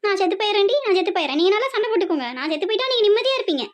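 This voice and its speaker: A cartoon village mother with a Tirunelveli accent, squeaky high and rapid. She nags and laments in a shrill, melodramatic way. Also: expressive, a little hiss or hum. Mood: scolding. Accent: Tirunelveli Tamil. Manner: shrill scolding, melodramatic complaints. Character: nagging middle-aged village mother.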